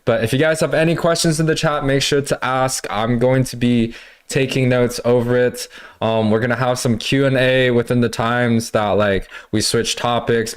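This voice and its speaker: A man's voice: mid-range voice, clear, resonant tone. A man hosting a gaming livestream podcast, loose and joking, swearing casually. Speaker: stream host.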